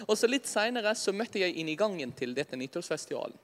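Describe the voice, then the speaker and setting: A man giving a personal faith testimony as a lively storyteller who often laughs at himself. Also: high voice. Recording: long hall reverb.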